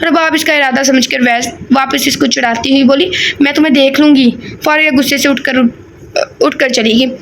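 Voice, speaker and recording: A woman narrating a romance audio novel in a high voice, slipping in chatty asides to her listeners. A faint hiss runs under the reading. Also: fairly even intonation, brisk, a bit bright.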